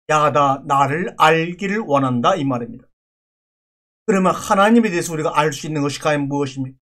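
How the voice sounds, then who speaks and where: A male pastor preaching a sermon, explaining scripture word by word in an earnest, teaching manner and often repeating himself. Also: fairly high pitch. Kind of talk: sermon on biblical words.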